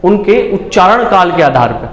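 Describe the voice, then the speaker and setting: A man's voice: high-pitched, sing-song, moderate pace. A male teacher giving an exam-prep grammar lesson, who keeps asking questions and answering them himself and often checks that the class understands. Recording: echoey room with long reverb and faint background noise.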